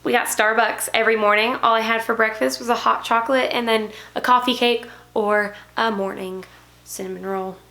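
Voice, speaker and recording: A young woman vlogging a casual trip recap, chatty and excited, often correcting herself. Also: a little high, normal speed, gravelly.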